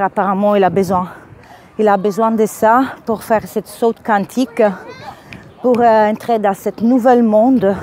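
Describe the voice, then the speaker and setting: A woman's voice: a little high, mellow. A woman with a foreign accent in French, a non-native speaker talking informally and searching for words in a spiritual vlog monologue. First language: not French. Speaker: spiritual vlogger and energy healer.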